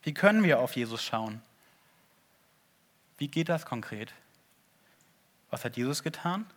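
A man preaching a sermon in an earnest way, swinging between loud appeals and hushed asides. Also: mid-range voice, animated, a little slow. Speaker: pastor.

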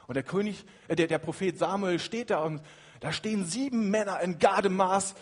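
A man preaching a sermon in a lively way, moving between loud emphatic lines and hushed quiet ones. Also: high-pitched, normal speed, in a large hall.

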